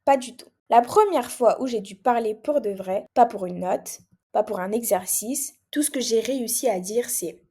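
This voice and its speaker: A young woman from Mayotte, a language coach, speaking straight to the viewer in a persuasive pitch video. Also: normal speed, warm tone, breathy edge. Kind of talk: direct-to-camera pitch video.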